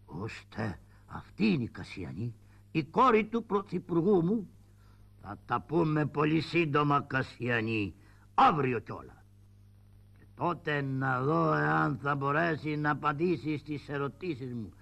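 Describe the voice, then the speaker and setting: A man voicing a haughty, commanding male emperor puppet in a shadow-puppet play, speaking slowly and stately. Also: on the high side, lively intonation, vocal fry, fairly bright tone, pitched below the performer's own voice, exaggerated voice. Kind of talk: shadow-puppet theatre acting.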